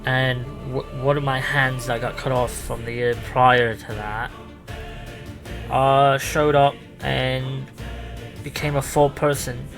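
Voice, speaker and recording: A man playing the Doctor, an ancient, restless and lonely alien time traveller, talking in halting, rambling bursts full of restarts over background music. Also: medium pitch, steady tone, gravelly. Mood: wistful. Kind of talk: improvised fan audio drama.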